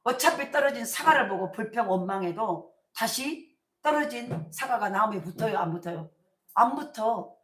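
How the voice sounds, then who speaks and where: A middle-aged woman pastor preaching a sermon, telling stories in a colloquial, animated way with emphatic bursts. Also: fairly high pitch, moderate pace. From South Korea. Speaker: senior pastor. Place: church sanctuary. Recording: echoey church sanctuary.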